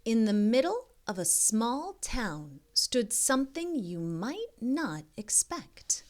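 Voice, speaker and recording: A woman whose voice is a little high reads a picture book aloud to young children in a tutoring role. She reads expressively and pauses to prompt them with questions.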